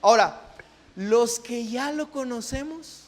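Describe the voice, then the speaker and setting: A man's voice: extremely high pitch, slow. A male pastor with a Mexican accent, preaching a sermon in a conversational way, telling stories and having the congregation respond. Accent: Mexican Spanish.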